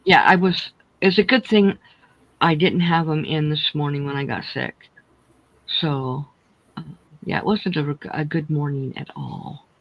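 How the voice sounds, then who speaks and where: A woman's voice: low voice, a little slow, muffled recording. A woman hosting a casual crochet livestream, chatting in a rambling way, speaking without her teeth in. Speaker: host of a crochet chat livestream.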